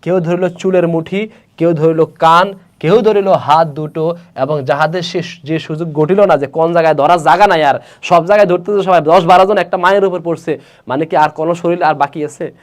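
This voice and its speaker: A man with a Bangladeshi Bengali accent teaches a literature class, his voice sitting a little high. He reads lines from a story aloud, then breaks them down in plain, casual speech and puts questions to his students.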